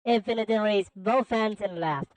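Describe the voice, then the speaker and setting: A woman reads a story aloud in an easy, unhurried way and drops chatty asides between the passages. Her voice sits at an ordinary pitch. It is recorded dry and close, with no room sound. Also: a little mellow, no room sound, soft background music, rough recording. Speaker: story reader. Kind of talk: casual reading of a fan story.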